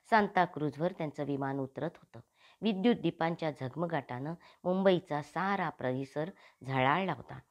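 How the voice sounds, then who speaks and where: A woman narrating an audiobook in a measured, devout storytelling manner. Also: deep voice. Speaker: audiobook reader. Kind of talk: scripted narration.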